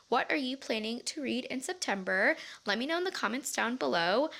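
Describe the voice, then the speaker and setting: A woman's voice: fairly high pitch, bright, forceful tone. A young woman book vlogger chatting casually to her viewers, bubbly and self-teasing.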